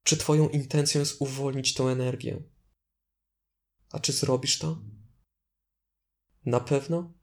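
Calm man guiding a meditation, even-toned. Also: medium pitch. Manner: calm, deliberate, instructing with gentle prompts. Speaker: guided meditation instructor. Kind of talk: guided meditation narration.

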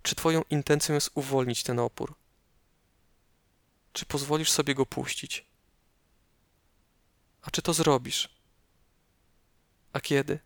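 A man narrating a guided meditation slowly and calmly, giving measured instructions with pauses, close up as if right in your ear. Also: mid-range voice, vocal fry, dry recording.

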